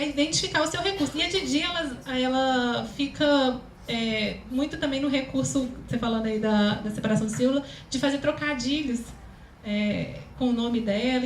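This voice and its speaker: A woman with a Brazilian Portuguese accent and a very high, thin voice gives a chatty talk as a communication consultant, with many fillers. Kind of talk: public talk to an audience. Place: event hall, live audience. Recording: echoey room, faint ambient noise.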